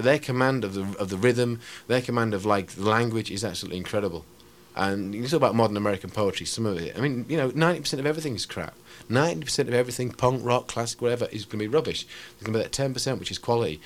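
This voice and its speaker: A man's voice: fairly low pitch, rapid-fire, slight background noise. A middle-aged man, a ranting poet talking in a radio interview, brash and rambling with many restarts. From England.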